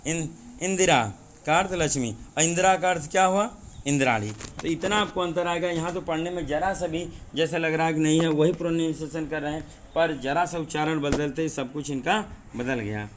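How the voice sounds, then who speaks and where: Leading an exam-prep class, a man with a slightly high voice goes slowly through paired words, repeating them and firing rhetorical questions at viewers. "Dekhiye" and "thik hai" come up often, and a faint hum runs under the recording.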